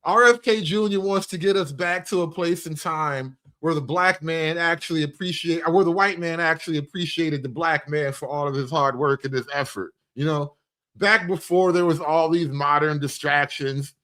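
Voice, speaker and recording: This livestream host riffs in a casual, satirical way, swearing and sounding animated and mock-enthusiastic while hammering phrases through repetition. He speaks at normal speed with few pauses, his pitch a little high.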